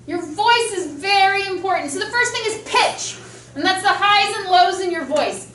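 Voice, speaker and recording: A woman speech teacher giving a chatty, fast-talking classroom lecture. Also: very high-pitched, lively intonation, a bit bright. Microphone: camera mic across a classroom. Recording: roomy, distant classroom sound with faint noise.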